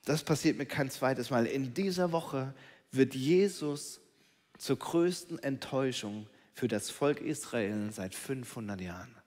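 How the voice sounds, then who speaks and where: A man's voice: mid-range voice, animated, measured pace. Dramatic male preacher in a reverberant hall. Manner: dramatic, swings from loud calls to hushed whispers. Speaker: pastor. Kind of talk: sermon. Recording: long reverb of a large hall.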